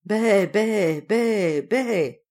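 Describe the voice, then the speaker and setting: A woman's voice: mid-range voice, sing-song, normal speed, breathy edge, voice pushed up. Woman doing a lying nanny goat, whiny bleats, storybook.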